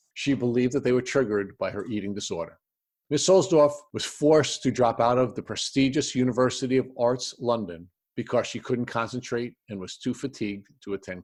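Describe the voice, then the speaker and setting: Man hosting a podcast interview. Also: medium pitch. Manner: formal, reads guest introduction. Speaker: podcast host. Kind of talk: scripted intro then interview questions.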